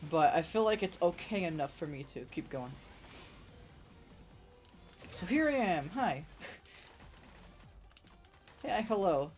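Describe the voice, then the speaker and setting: A woman game streamer with a sore, rough throat, chatting in a rambling, casual way and swearing freely while she plays. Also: fairly low pitch, animated, slow, pauses often, a little mellow, faint music behind. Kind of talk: casual let's-play commentary.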